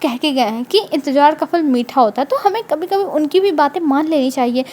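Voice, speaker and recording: A woman's voice: high-pitched, lively intonation, brisk, a little mellow. A woman doing a teasing, scheming young businessman. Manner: teasing, playful.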